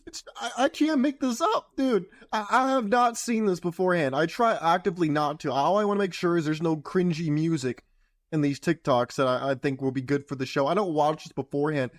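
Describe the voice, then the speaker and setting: A man's voice: a little high, a little fast, no room sound, studio quality. A man hosting a show, giving blunt, sarcastic reaction commentary on a video clip. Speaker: host and commentator.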